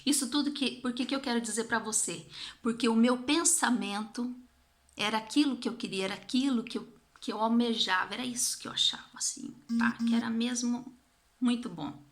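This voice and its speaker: A woman's voice: on the high side, fairly quick. A woman with a Brazilian Portuguese accent giving a casual motivational talk, reflective and often repeating and restarting her phrases. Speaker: vlogger.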